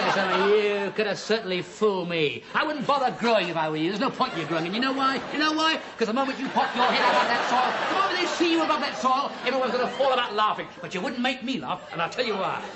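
A pompous amateur scientist husband. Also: male voice, sits high, lively intonation, quick pace, a loud crowd, heavy background noise. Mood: sneering. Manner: pompous, lecturing, then sneering insults at a plant. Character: fussy amateur scientist husband, self-important. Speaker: actor in a sitcom clip. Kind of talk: 1980s sitcom acting.

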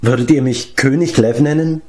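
A man's voice: mid-range voice, normal speed, a little mellow, pitched above the performer's own voice, close to an everyday voice. Man putting on a whiny wailing giant. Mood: wheedling. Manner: plaintive, wailing complaints. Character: whiny self-pitying male giant. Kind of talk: audiobook character reading.

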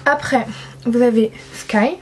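A woman's voice: fairly high pitch, steady tone, slow, background noise. A young woman from France chatting casually through a makeup swatch review, enthusiastic and self-mocking. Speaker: beauty vlogger.

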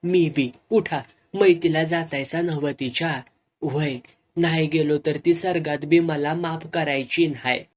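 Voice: mid-range voice, steady tone, unhurried, lightly acted. Guilt-stricken village man, as the storyteller puts him on, grieving and heavy in rural speech, an everyday voice for a storybook reading. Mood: somber. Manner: plain rural dialect speech.

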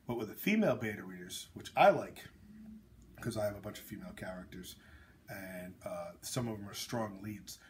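A man's voice: lowish voice, slight background noise. A man, an author hosting a casual chat, talking bluntly and jokingly with lots of fillers and tangents. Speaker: author and host.

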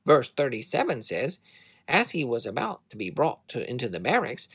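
A narrator reads scripture to children as a dramatic story, expressive yet measured. The medium-pitched voice is husky, and the studio-quality recording has no echo.

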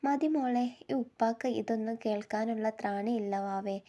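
A woman voicing a loving older father who gently consoles his daughter. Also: a little high, moderate pace, lo-fi sound, natural voice. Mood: consoling.

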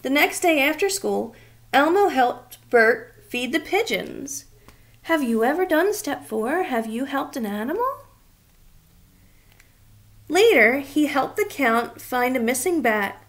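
A woman in her thirties reads a children's story aloud in a small indoor room, expressive and asking the young listeners questions. Her voice sits high, with lively intonation and a slow pace.

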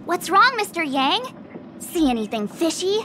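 A woman's voice: very high voice, big pitch swings, pushed and bright, a little hiss or hum, heavily acted. An actress playing a cheerful, eager young woman adventurer in a video game, bubbly and teasing. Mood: excited. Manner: bubbly and playful, quick to tease. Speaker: game character.

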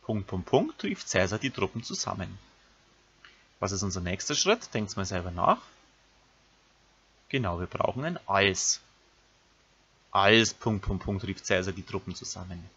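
A lower-pitched man teaches a recorded grammar lesson, walking his pupils through each step. His voice is husky yet bright and forceful. The recording sounds dull and lo-fi. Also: big pitch swings, a little slow, long pauses. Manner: explains step by step, addressing pupils directly. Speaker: Latin teacher.

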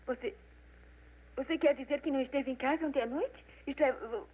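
An actress dubbing an anxious, suspicious baroness in an old film, stammering and hesitant. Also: female voice, high voice, fairly quick, natural voice. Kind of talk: 1940s Brazilian Portuguese film dub. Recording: tinny old film dub with hiss.

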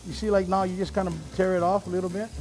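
Speaking very fast with little pitch movement, a middle-aged man with a high-pitched, darkish voice hosts a cooking demonstration as chef. Set in a studio show kitchen, it's casual, instructive and encouraging, with music and a sizzling pan behind him.

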